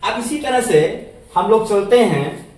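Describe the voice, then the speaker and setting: Slow, echoey Hindi-speaking chemistry teacher, a man. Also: high-pitched, expressive, darkish tone, recorded from a distance. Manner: slow and drawn out, repeats words and spells them letter by letter; addresses students as children, asks and answers his own questions. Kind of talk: classroom lecture. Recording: echoey room, voice set back from the mic.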